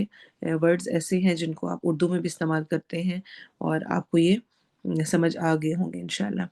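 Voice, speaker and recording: Woman teaching Quran recitation slowly. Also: lowish voice, a little mellow. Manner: explains word by word, recites verses slowly and drawn out. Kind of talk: lesson on Quranic duas with tajweed.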